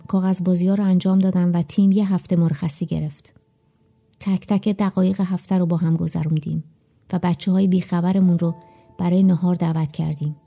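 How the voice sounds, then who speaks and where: A woman reading a first-person story aloud as an audiobook, in a measured, reflective storytelling manner. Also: lowish voice, gravelly, mellow. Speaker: audiobook narrator.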